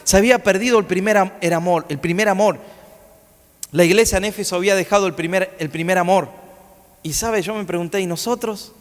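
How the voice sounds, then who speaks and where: A man's voice: high voice, fairly quick. Man, preacher, sermon, storytelling, questions to the congregation, reverberant hall. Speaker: guest preacher. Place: church sanctuary. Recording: long church hall reverb.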